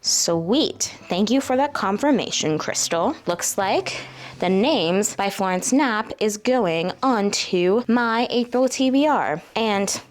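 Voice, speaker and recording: A woman's voice: medium pitch, animated, slow pace. A woman book vlogger in casual chat, talking directly to her viewers and to her crystal pendulum as she asks it questions.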